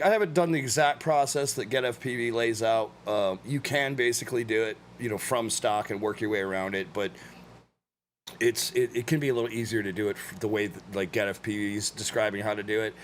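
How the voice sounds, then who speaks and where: A man's voice: medium pitch, slight background noise. A man hosting a casual livestream show, laughing often, swearing freely and rambling through his sign-off. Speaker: podcast host.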